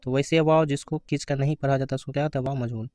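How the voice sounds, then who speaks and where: A man giving an exam-prep grammar lesson, asking questions and answering them himself, reading out the answer options slowly. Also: mid-range voice, steady tone, warm tone, no echo, studio quality. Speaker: teacher.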